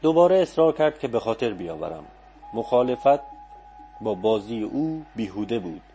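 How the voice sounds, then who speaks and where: A man reading a literary story aloud as an audiobook narrator, in a calm, reflective manner. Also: medium pitch. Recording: faint background music.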